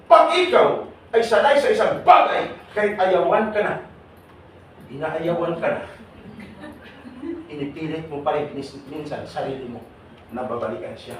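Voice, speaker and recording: A man runs a lively seminar in a big, echoing hall, and his voice comes from far across the room with steady noise behind it. He teases the audience and keeps calling on people to answer his questions. His voice sits a little high for a man. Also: moderate pace, long pauses. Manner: teasing, jokey, calls on audience members. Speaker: seminar speaker for overseas workers. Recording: echoey hall, voice from far off, noisy.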